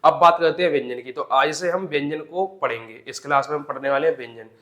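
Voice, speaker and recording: A man's voice: on the high side, fast talker, sharp tone. A young man teaching an exam-prep grammar lesson, repeating key points and asking and answering his own questions.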